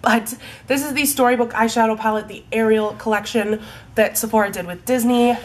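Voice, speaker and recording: This young woman's voice is on the high side and steady, and she talks fairly fast despite being congested from a cold. A beauty vlogger, she chats informally about her favorite products, with plenty of "likes" and "ums," in a home room as daylight fades.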